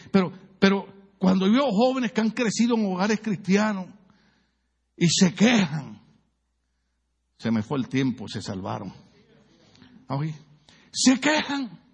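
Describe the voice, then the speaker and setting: A middle-aged Puerto Rican pastor with a husky, rather high voice. He preaches with humor, tells stories and keeps asking the congregation questions. He slips into other people's voices as he tells his stories. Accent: Puerto Rican Spanish. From Puerto Rico. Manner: storytelling, asks the congregation questions, acts out voices. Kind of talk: humorous sermon.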